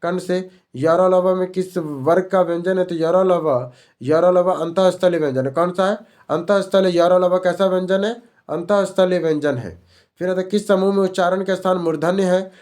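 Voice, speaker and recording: A man's voice: high voice, steady tone, normal speed, darkish tone. A male teacher running an exam-prep grammar lesson, repeating each question and answer as a drill.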